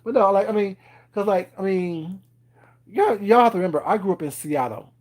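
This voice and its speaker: On a live stream, a man with a high, brisk and slightly mellow voice chats casually, rambling with plenty of fillers and "you know what I'm saying." He laughs often and teases his viewers.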